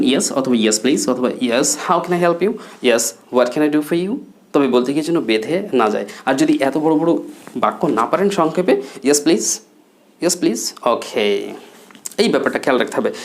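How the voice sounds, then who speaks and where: A man with a Bangladeshi accent teaching spoken English at a board, repeating phrases slowly, word by word. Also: mid-range voice. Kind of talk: spoken English lesson at a whiteboard. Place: classroom with a board.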